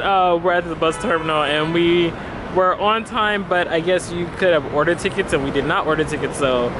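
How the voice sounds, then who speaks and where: A young man chatting casually to a handheld camera, rambling and laughing often as he talks. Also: a little high. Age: young adult. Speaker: travel vlogger. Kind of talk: casual vlog chat to camera. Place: outdoors on a busy city street. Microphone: handheld camera held close. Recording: street traffic noise behind. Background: city traffic and passing vehicles.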